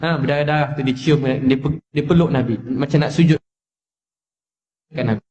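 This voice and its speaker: Impassioned Malaysian preacher, echoey hall. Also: male voice, moderate pace, a little mellow. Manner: impassioned storytelling, repeats phrases, rising pitch in emotional passages. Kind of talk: sermon. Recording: echoey dull lecture-hall recording.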